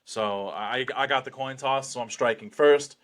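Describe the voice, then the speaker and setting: A man with a bright, punchy voice at an average pitch gives a casual interview as a fighter. He talks with cocky bravado and swears freely, like someone selling his next bout. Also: moderate pace. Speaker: professional slap fighter being interviewed.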